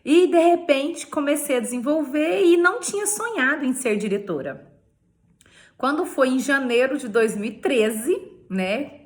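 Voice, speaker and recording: A woman's voice: sits high, expressive, a little slow. Playful Brazilian woman telling her story. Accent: Brazilian Portuguese. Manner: playful storyteller, laughs often, frequent "né?". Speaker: beauty sales director. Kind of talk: personal testimony vlog.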